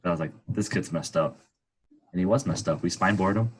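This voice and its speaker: A man working as an athletic trainer, chatting casually on a podcast and telling animated stories. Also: sits low, fairly quick. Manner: animated storyteller.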